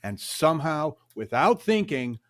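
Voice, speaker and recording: An older man telling stories as a podcast guest, animated, acting out quotes and swearing freely. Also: a little high, measured pace. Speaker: guest storyteller. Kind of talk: conversational storytelling.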